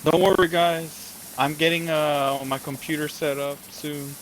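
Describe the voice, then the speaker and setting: A man's voice: a little high, fairly even intonation, unhurried, a little hiss or hum, poor audio. A man hosting a casual live stream, playful and laughing a lot as he talks. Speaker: streamer host.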